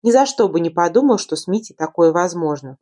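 A woman's voice: fairly low pitch, animated, a little fast, husky. A woman reading aloud voices a loving, attentive young husband in an audiobook, speaking tenderly. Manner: tender, gentle. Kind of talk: audiobook reading of a romance novel.

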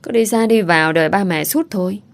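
A woman voicing a kindly middle-aged housekeeper who talks in a quick, cheerful way. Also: on the low side, gravelly.

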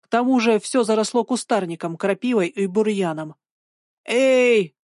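Woman, audiobook narrator, spooky children's story, measured, suspenseful, mid pitch, dry close mic. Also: a little mellow, no room sound.

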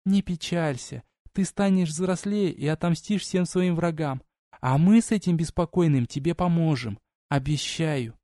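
Guy doing a young woman's voice, raised high, tearful and emotional, audiobook. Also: measured pace, warm tone, dry recording, studio quality. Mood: soothing.

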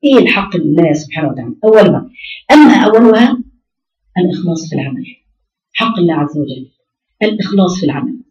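A religious teacher with an Egyptian accent gives a lesson to women, asking rhetorical questions and counting out her points. Her voice is lowish and darkish, very animated and fast, with frequent pauses. The recording is roomy, distant, dull, and lo-fi.

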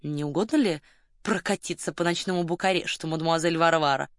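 A woman voicing a pompous, boastful male colonel who flirts in a low, smug murmur, in an audiobook. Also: lively intonation, normal speed, no echo, studio quality, lightly acted. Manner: smug, lowers voice to a suggestive murmur.

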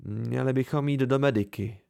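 A steady young student friend with low, hushed concern, as a man reads him in a home-recorded storybook. He drops a little lower and quieter than the narration. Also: vocal fry, clear, resonant tone, no room sound, clean studio sound, lightly acted.

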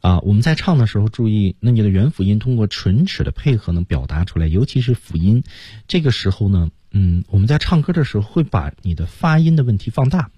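A man's voice: on the low side, expressive, fairly quick, warm tone, breathy edge, no echo. A man co-hosting a radio lesson, explaining singing technique step by step and singing short phrases to show it. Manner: explains step by step, sings snippets to demonstrate. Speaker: singing coach co-host. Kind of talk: radio teaching talk.

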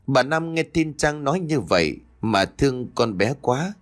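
A man narrating a ghost story in a lively storytelling manner, switching voices for the quarrelling characters. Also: medium pitch, unhurried. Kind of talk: storytelling narration with acted dialogue.

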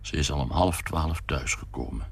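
A man voicing a worried, calm middle-aged mother who speaks quietly and softly, in a dramatic story reading. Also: extremely low pitch, moderate pace, creaky, husky, exaggerated voice. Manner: quiet, soft-spoken.

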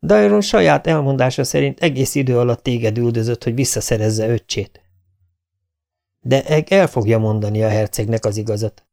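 Egy férfi, aki egy egyszerű, szavakkal küszködő fiatal lovagot szólaltat meg, dadogva. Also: male voice, mid-range voice, expressive, vocal fry, a little mellow. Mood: anxious. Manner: stammering, halting. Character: big, plain young knight, tongue-tied.

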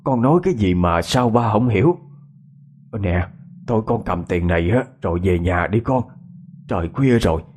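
A man's voice: on the low side, animated, normal speed, darkish tone. A man voicing an older countryside father, talking in a hesitant, coaxing way with stammers. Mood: worried.

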